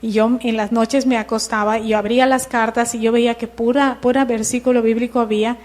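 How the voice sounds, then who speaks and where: A middle-aged woman, telling her personal testimony in church in a lively storytelling way. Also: fairly high pitch, brisk. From Mexico. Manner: lively storytelling, acting out dialogue. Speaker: church member giving testimony.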